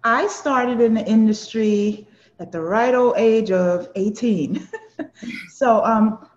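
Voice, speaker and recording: A woman's voice: fairly high pitch, takes it slowly, darkish tone, reverberant, dull audio. A woman chef instructor from Barbados with a Barbadian and Brooklyn accent, introducing herself to an online class in an upbeat, encouraging way.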